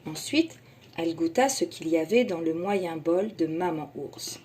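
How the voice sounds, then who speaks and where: A kindergarten teacher, a woman, reading a children's story aloud slowly and expressively. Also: on the low side, expressive, a little mellow, slight background noise.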